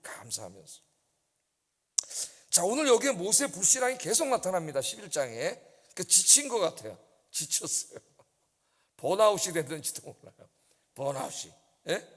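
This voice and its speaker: A male pastor with a high, lively voice that rises and falls widely as he preaches. He keeps throwing rhetorical questions at the congregation. His voice carries a long reverb from the church sanctuary. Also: normal speed, long pauses. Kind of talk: dawn service sermon.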